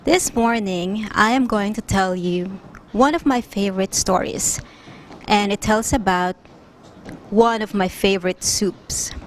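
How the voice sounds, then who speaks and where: A woman telling a children's story in a slow, animated, expressive way. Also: mid-range voice, slight background noise.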